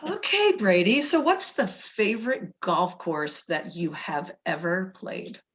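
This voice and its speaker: A woman's voice: on the low side, sing-song, takes it slowly, a bit bright. A woman hosting a podcast interview, asking friendly, prompting questions. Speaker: podcast host. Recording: dull, muffled podcast recording.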